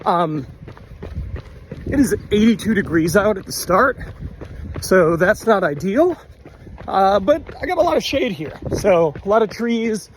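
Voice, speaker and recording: A man's voice: sits high, lively intonation, a little slow, long pauses, slight background noise, rough recording. A man talking casually to a handheld phone while running outdoors on a trail, vlog style, sounding effortful. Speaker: running vlogger. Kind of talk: casual vlog talk to camera.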